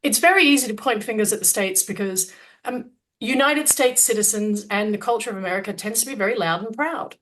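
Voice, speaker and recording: A woman's voice: a little high, a little fast, fairly bright tone, slight background noise. A woman from Australia with an Australian accent, co-hosting a podcast and talking candidly in a casual conversation, swearing freely. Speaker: podcast co-host.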